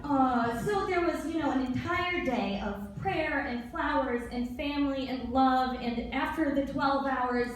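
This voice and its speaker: Slow deadpan American woman on stage. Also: high voice. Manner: deadpan, blunt with swearing. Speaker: stand-up comedian. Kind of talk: stand-up comedy set. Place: comedy club stage. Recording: echoey room from a distance, noisy.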